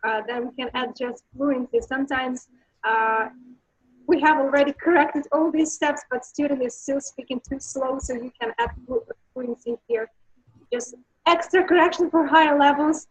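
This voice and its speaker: A woman's voice: high voice, fairly even intonation, normal speed. A woman on a webinar panel of English teachers, speaking assertively and pushing back on points. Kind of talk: panel discussion. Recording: dull lo-fi audio.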